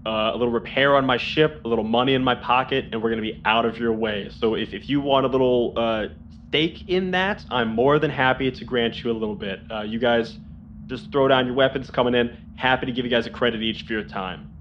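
A man's voice: mid-range voice, fairly quick, a little hiss or hum, close to an everyday voice. Man voicing a suave outlaw, haggling, nervous, slightly muffled sound. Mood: smooth bargaining. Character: smooth-talking male outlaw bargaining for escape.

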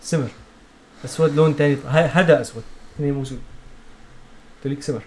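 A man's voice: medium pitch, steady tone, quick pace, darkish tone. A man with a Syrian Arabic accent in casual podcast banter with his friends as a co-host.

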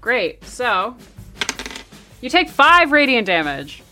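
A woman's voice: on the high side, very animated, slow pace, sharp tone, faint music behind. A woman playing a tabletop game, playful and laughing a lot. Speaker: player. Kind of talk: casual tabletop game play.

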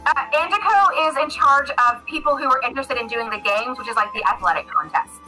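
A woman's voice: high voice, expressive, fairly quick, over music, rough recording. A woman narrating a tabletop game as game master, casual, with lots of fillers. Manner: casual, many fillers and restarts.

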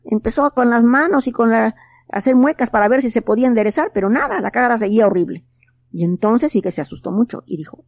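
A woman narrating a children's story in a gentle, expressive way. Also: medium pitch.

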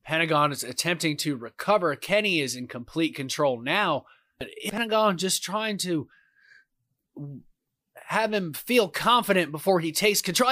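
A man doing wrestling play-by-play commentary as a commentator, calling each move and exclaiming excitedly at the big ones. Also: high voice, no echo.

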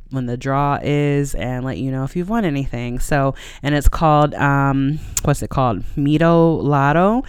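Casual podcast host, conversational delivery, middle-pitched, exceptionally smooth and clear tone. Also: dry recording, studio quality. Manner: conversational, laughs easily while talking. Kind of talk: casual chatty solo podcast.

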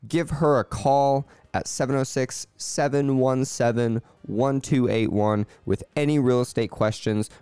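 Smooth-voiced podcast host, man. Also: medium pitch, no echo. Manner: friendly, steady, measured. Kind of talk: scripted intro and sponsor read, casual chat.

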